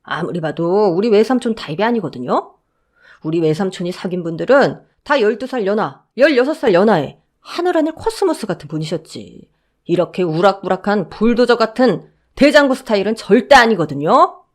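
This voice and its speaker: A woman's voice: mid-range voice, sing-song, a little fast. A woman voicing a blunt male security guard who mocks and drawls. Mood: mocking.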